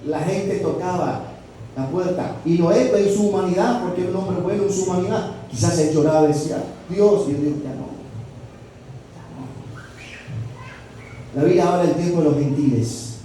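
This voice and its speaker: Pastor guy preaching, dark mellow voice, kinda high for a man, sounds far off in a boomy room. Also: fairly quick. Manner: preaching with rhetorical questions and sudden loud peaks. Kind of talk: sermon. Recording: echoey room, off-mic, faint background noise.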